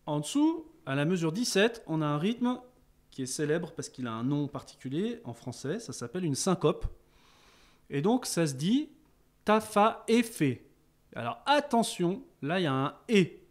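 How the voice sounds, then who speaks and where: Male music teacher, lively rising and falling voice, patient explainer, a touch high. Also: normal speed. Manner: chants rhythm syllables loudly, then explains calmly. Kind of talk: rhythm lesson with counting and clapping.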